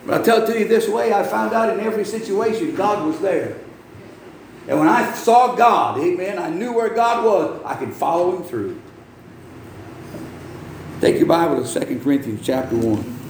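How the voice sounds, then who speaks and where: A man's voice: high-pitched, animated, normal speed. A man preaching a folksy, exclamatory sermon full of "amen" and "man". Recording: echoey room with faint background noise.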